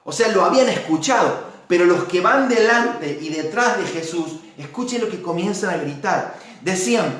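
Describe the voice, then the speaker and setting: High-voiced man preaching in echoey hall. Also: normal speed. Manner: animated preaching, acts out crowd shouts. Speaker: pastor. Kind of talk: sermon. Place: church. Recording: very echoey church hall, mic far off.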